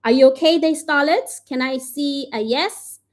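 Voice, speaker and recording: A woman with a high, darkish voice hosts a live stream, casually answering viewer questions and often checking in with "all right?" and "okay?". She says she tends to speak too fast.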